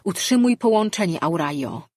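A woman's voice: lowish voice, animated, moderate pace, darkish tone, dry recording, clean studio sound. A woman reading the part of an insistent male council member, speaking in an urging, earnest way.

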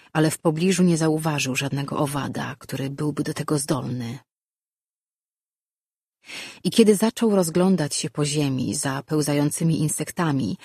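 A man reads a fantasy story aloud in a calm, steady way. His voice is husky, sits at a middle pitch, and sounds dry and close to the mic. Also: dry recording. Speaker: audiobook narrator. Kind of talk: scripted fantasy narration.

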